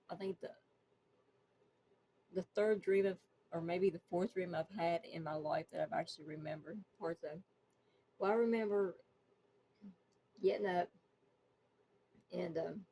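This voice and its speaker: Woman, casual storytime, rambling, mellow lower voice, faint background hum. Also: low-quality recording. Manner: rambling, animated retelling with quoted dialogue. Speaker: vlogger. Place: indoors, just woken up.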